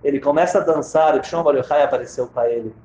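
A man's voice: fairly high pitch, quick pace, mellow, a little hiss or hum. A man telling a story in a dramatic sermon, emphatic and repeating key phrases for weight. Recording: roomy, slightly dull sound.

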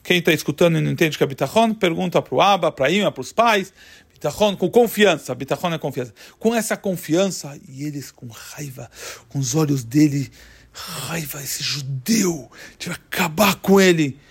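Man, storyteller, children's story, high voice, animated, dramatic pauses. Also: vocal fry, breathy edge.

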